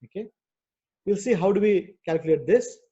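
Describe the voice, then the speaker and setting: A man's voice: high-pitched, moderate pace, warm tone. A man with an Indian accent teaching an online class, explaining worked problems step by step in a didactic, repetitive way. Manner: didactic, repetitive, frequently checking with "okay". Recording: dull, muffled video-call audio.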